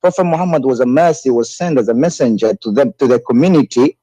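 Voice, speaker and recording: A man from Ethiopia speaking as a guest in a religious debate, halting and repeating words, with many fillers. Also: medium pitch, dark tone, no room sound, low-quality recording.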